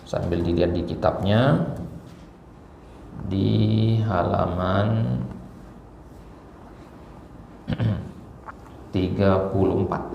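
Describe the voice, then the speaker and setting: A man with a low, gravelly voice teaches an Arabic grammar lesson. He keeps asking the class questions and then answers them himself. He is recorded in a roomy mosque hall with a faint hum of noise behind him. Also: drawn-out words, long pauses, lo-fi sound.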